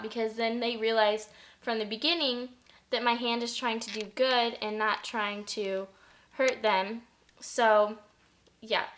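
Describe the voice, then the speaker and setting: Young woman vlogger, a bit high-pitched, loose and chatty how-to delivery. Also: fairly bright tone. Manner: chatty, lots of fillers. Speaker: pet vlogger. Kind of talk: casual how-to vlog.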